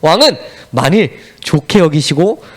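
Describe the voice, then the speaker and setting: Casting note: man playing an earnest, pleading servant of a king, with a high, lively voice. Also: unhurried. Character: humble male royal cupbearer, earnest and pleading.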